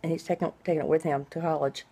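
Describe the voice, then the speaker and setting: The audio is poor as a middle-aged vlogger talks quickly from a small room in her house, her low voice dark with a breathy edge. She keeps a level tone, rambling casually like a video diary update, and her s sounds come out long and hissy.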